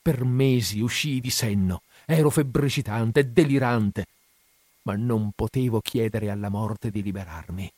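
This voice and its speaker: A man's voice: fairly low pitch, a little slow, darkish tone, no room sound. Male narrator, dramatic mournful audiobook read, dry close voice. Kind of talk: first-person audiobook narration.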